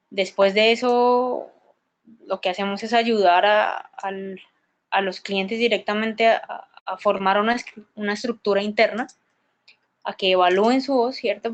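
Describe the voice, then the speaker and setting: A woman speaking at a conference in a middle-range voice. She explains her points step by step, often stumbles and restarts, and keeps asking the audience for agreement with short tag questions. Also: mid-range voice. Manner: hesitant, repeats words and restarts often. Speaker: conference presenter. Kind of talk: explanatory presentation talk.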